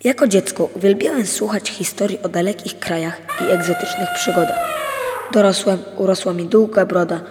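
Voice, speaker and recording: A man narrating a first-person adventure story in a lively, expressive way. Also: sits high, moderate pace, long reverb tail, background noise.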